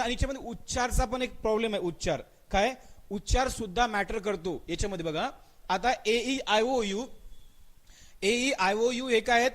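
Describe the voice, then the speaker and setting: A man with a fairly high voice and a Marathi accent runs a live online grammar class. He quizzes students by name, answers his own questions and repeats them, and slows right down to spell out English example sentences. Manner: mixes English words into his speech, stretches out spoken example sentences.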